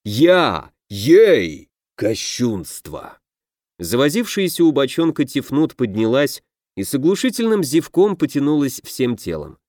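A man reading a fantasy audiobook in a measured storytelling manner. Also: on the high side, sing-song, a little mellow, dry recording, clean studio sound. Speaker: audiobook narrator. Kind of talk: scripted fantasy narration.

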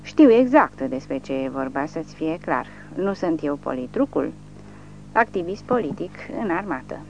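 A woman's voice: deep voice, very animated, a little mellow, lo-fi sound, a little hiss or hum. A woman voicing a drunk, brutal male commissar who rants and hurls abuse. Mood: raging. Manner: slurring, abusive ranting.

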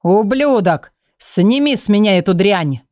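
A woman's voice: medium pitch, animated, darkish tone, no room sound, studio quality, close to an everyday voice. A woman voicing a hissing old shapeshifter villain. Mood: shrieking. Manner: slow, hissing threats rising to shrieks. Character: old male shapeshifter villain, hateful, shrieking.

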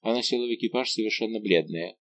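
A man reading an audiobook voices a loyal secretary who speaks in a hurried, worried way. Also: lowish voice, a bit bright, slight background noise, natural voice. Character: anxious, loyal male secretary.

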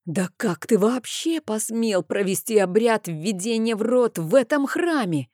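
A woman voices a scheming middle-aged dragon uncle in an audiobook, spitting venom and yelling at full force. The voice sits raised and loud, mellow underneath, on a dry close recording. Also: lowish voice, big pitch swings, takes it slowly, dry recording, exaggerated voice. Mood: furious. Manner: shouting, venomous.

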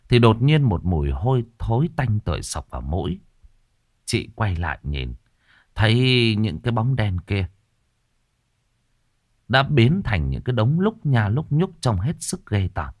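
A man narrating a ghost story in a measured, dramatic manner. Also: lowish voice, big pitch swings, dry recording, clean studio sound.

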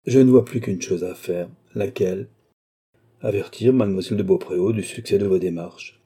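A man voicing an eager, trusting older Breton knight who asks lively, curious questions in an audiobook. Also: low voice, normal speed, breathy edge.

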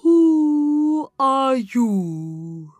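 Sleepy bossy caterpillar guy, read by a woman, very slow and drawn out, dry close sound. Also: sits high, sing-song, darkish tone, no room sound, pitched above the performer's own voice, exaggerated voice. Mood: drowsy, demanding. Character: sleepy, curt male caterpillar. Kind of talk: storybook reading.

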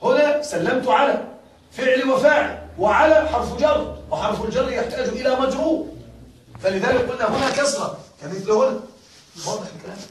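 Male teacher, high-pitched voice, far from the mic in a very echoey classroom, keeps checking that students follow. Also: brisk, slight background noise. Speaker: grammar teacher. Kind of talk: classroom lesson.

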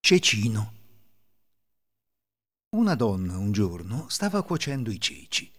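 A man hosting a podcast and narrating folk fairy tales in an expressive, lilting storytelling manner. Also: lowish voice, measured pace, faint music behind. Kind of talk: scripted fairy-tale narration.

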